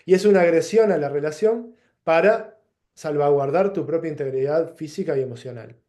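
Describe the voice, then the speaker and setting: Rioplatense male lecturer, mellow tone, a bit high-pitched, reflective, pauses and restarts mid-thought. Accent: Rioplatense Spanish. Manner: thoughtful, pauses and restarts, gives plain examples. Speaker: teacher.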